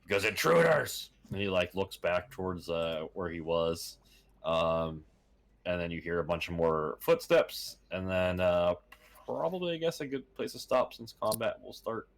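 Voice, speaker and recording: A man narrating as game master of a tabletop game, halting often with fillers and small chuckles. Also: low voice.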